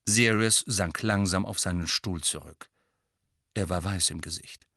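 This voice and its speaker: A man narrating an audiobook with an expressive, lively reading. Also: sits low, unhurried, dry recording, clean studio sound.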